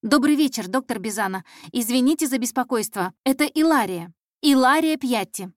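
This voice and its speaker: Brief: anxious young cub reporter girl, stammering and rambling, pitched up, read by a woman narrator. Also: lively intonation, moderate pace, dry recording, studio quality, close to an everyday voice. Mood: flustered. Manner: hesitant, stumbling, fumbling for words. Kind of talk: audiobook character voice.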